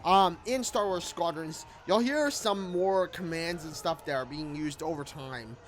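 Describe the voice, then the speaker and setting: This lightly scripted game review comes from a host at home in a small indoor room, speaking casually and rambling, often circling back to repeat or rephrase. The voice sits at medium pitch and moves a little slowly, with slight background noise and background music.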